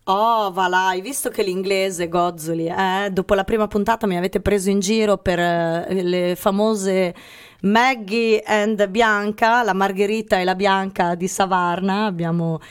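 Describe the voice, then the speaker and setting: A woman's voice: medium pitch, fairly even intonation, a little slow, smooth. A woman hosting a casual radio interview through a face mask, talking playfully and wordily and often interrupting herself. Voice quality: slightly muffled by a face mask. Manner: playful, wordy, self-interrupting. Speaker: podcast host and interviewer.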